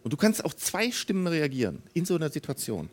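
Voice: medium pitch, very animated, fast talker, husky. A preacher giving an emphatic sermon, addressing the congregation directly and repeating key phrases for weight.

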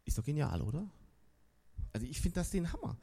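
A man's voice: on the high side, huge pitch swings, a little fast, creaky, warm tone, slightly rough. A man preaching a sermon at a church service in a casual, enthusiastic and slangy storytelling way. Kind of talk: lively sermon.

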